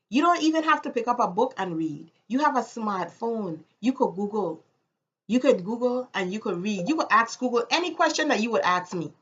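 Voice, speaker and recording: Lo-fi audio carries a fairly high, pushed, bright voice with a slight roughness, from a Virgin Islands woman with a Caribbean accent. She's talking to camera in a casual, personal way, voicing strong opinions emphatically and repeating phrases for stress.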